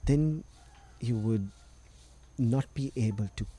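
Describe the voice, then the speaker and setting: A man's voice: medium pitch, slow, mellow, breathy edge. A middle-aged man from Sri Lanka, a doctor patiently explaining medical matters as a guest on a podcast interview.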